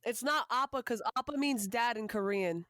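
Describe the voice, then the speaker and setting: A woman in her twenties co-hosting a casual podcast, animated and opinionated, swearing casually. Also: a little high, moderate pace, dry recording, clean studio sound. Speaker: podcast co-host.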